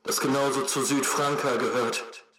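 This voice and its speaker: A man's voice: mid-range voice, steady tone, fairly bright tone. Man doing a solemn rebel leader over a radio. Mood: rousing. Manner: solemn, rousing, slow oratory. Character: male resistance leader giving a rousing radio speech. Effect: voice heard over a radio set. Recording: echoey with faint music behind.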